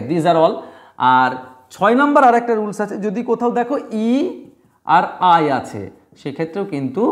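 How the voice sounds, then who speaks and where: A man teaches pronunciation at a board. He goes over each rule again and again, asking his students a question and then answering it himself. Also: on the high side. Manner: repeats points, asks and answers his own questions. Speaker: English teacher. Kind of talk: classroom lesson at a board.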